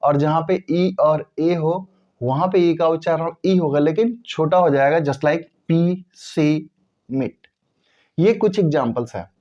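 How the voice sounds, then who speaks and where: A man teaching English pronunciation in a slow, repetitive way, drawing out the example words. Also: fairly high pitch, a little mellow, lo-fi sound. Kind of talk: explanatory lesson to viewers.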